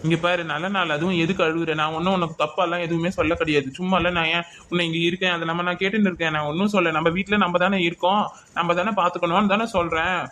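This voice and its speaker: A man voicing a young husband and son who tries to keep peace in an animated family cartoon story. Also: high voice, fast talker, a little hiss or hum. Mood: soothing.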